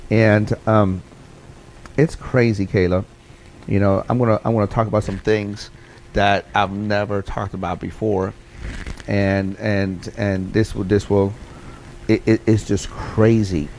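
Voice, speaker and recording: A man's voice: lowish voice, little pitch movement, a little slow, a little mellow, slight background noise. A middle-aged man in an interview, telling a personal story in a rambling way with many fillers and repeats. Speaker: interview guest.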